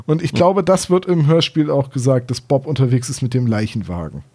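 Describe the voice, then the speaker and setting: In a mellow, mid-range voice and at a slightly fast clip, a thirty-something podcast co-host from Germany talks eagerly and informally. He has a playful habit of teasing.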